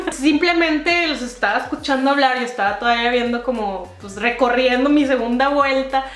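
A young woman with a Mexican accent, telling a casual storytime vlog in a lively, slangy way, laughing and acting out quotes. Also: high voice, echoey room. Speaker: vlogger.

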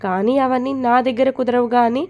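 A woman voicing a feisty, sharp-tongued young woman in a storybook reading, sassy and defiant. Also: on the high side, fairly even intonation, brisk, dull audio, natural voice.

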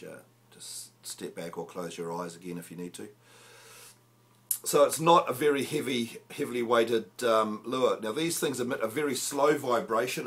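A man, hosting a casual fishing gear review in a small room, chatty and jokey with lots of filler "uh"s. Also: lowish voice. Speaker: fishing show host. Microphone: camera close up at arm's length.

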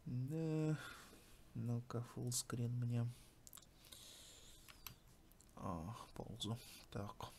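A man hosting a casual screen-recorded tutorial, muttering and thinking aloud in a low-key way as he works. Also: extremely slow, long pauses, darkish tone. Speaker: tutorial host. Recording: faint background noise.

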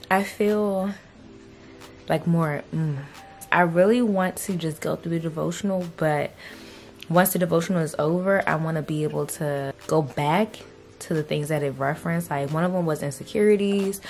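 A woman's voice: low voice, darkish tone. A young woman in her twenties chatting casually to camera at home, full of fillers and calling her viewers "y'all". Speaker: lifestyle vlogger. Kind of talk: casual vlog chat to camera. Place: home bedroom and kitchen.

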